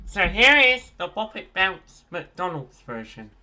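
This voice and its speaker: A man's voice: sits high, very animated, takes it slowly, sharp tone, slight background noise. A man casually showing his toy collection to the camera, rambling with frequent ums and asides. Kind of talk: casual show-and-tell.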